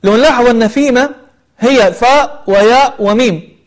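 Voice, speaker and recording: A man with a strikingly high voice teaches a tajweed lesson. He explains patiently and repeats sounds to correct them. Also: normal speed. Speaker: Quran recitation teacher.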